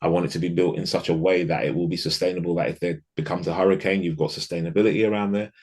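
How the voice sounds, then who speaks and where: A man speaks as a guest in a relaxed interview. His voice sits very low, and he thinks out loud, circling back and restarting his sentences as he goes. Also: very fast, slightly rough. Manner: reflective, thinks aloud with frequent restarts. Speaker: podcast guest. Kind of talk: casual interview conversation.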